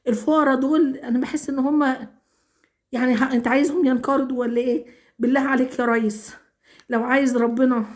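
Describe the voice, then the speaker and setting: An Egyptian woman vlogging with a high voice, speaking to the camera in an earnest, pleading appeal. She talks quickly, repeats her points and stumbles into restarts as she grows upset. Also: a little mellow. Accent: Egyptian Arabic. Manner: stammers and restarts when upset. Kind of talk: emotional direct-to-camera appeal.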